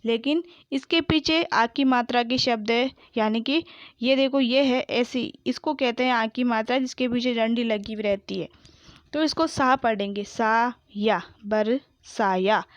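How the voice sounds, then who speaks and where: A woman teacher with a smooth, fairly high voice reads words aloud very slowly, one at a time, and then explains them in a patient, questioning way. The sound is dry and close, a little dull and lo-fi. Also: no room sound. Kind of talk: slow word-by-word reading lesson.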